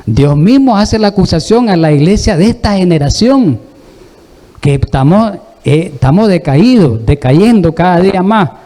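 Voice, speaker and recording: A man's voice: sits high, expressive, moderate pace, warm tone. A man preaching a sermon, exhorting the congregation and asking it rhetorical questions.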